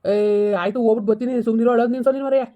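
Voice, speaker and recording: A man's voice: very high-pitched, fairly even intonation, racing, phone-quality sound. A man playing a stern but caring village elder who lectures. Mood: scolding. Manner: scolding, lecturing, then soothing. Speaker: elder villager in a comedy skit.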